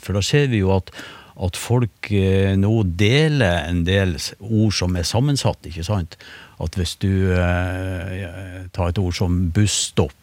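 A phonetics expert with a low voice explains speech sounds in a radio studio conversation. His delivery is relaxed but hesitant, full of fillers and restarts, and the recording is dry.

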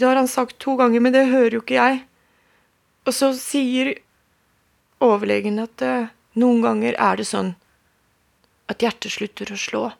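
A woman's voice: a little high, vocal fry. A woman telling her own story in a radio documentary, hesitant and full of fillers and restarts. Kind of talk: personal recollection in a radio documentary.

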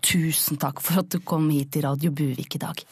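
A woman playing a deadpan local radio host. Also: deep voice, loud music behind the voice. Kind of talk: comedy sketch, parody news radio.

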